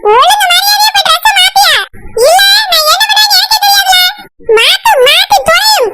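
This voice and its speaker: A woman's voice: very high voice, a little fast. A woman voicing a hot-headed young man who scolds his friend with a Kanyakumari Tamil accent, in a cartoon. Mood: angry. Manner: shouting, exasperated scolding. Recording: loud background noise.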